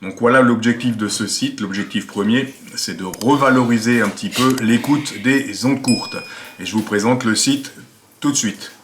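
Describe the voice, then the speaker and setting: This amateur radio video host talks through a casual tutorial from a small indoor attic office, using lots of tag words as he explains. His mid-range voice is a bit bright and moves at normal speed, with a little hiss or hum in the audio.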